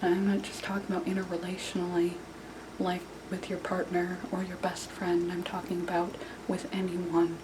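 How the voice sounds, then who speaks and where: Female vlogger, hushed and quiet as if not to wake anyone, flat low delivery, informal advice, noisy room recording. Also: normal speed. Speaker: video channel host. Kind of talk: casual self-help vlog, informal advice talk.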